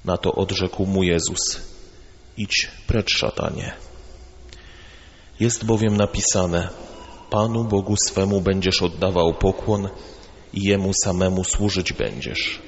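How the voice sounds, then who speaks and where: Brief: male Gospel reader, very low and very slow, church reverb. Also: slight background noise. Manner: measured, solemn. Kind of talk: liturgical scripture reading. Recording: reverberant dull church sound.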